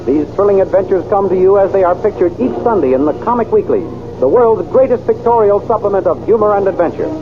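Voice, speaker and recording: This is an old radio transcription, muffled and with a noisy background, in which a man with a high-pitched, animated voice narrates an adventure serial. He reads the sponsor copy too, in a brisk and dramatic announcing manner.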